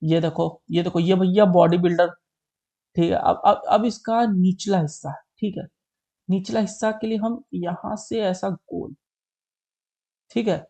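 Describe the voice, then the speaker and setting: A man's voice: high-pitched, gravelly, mellow. A young man narrating a comedic drawing tutorial in a playful, self-mocking way, drawing out little sounds as he sketches. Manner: playful, self-mocking, repeats "ठीक है" and drawn-out "you". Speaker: drawing video creator.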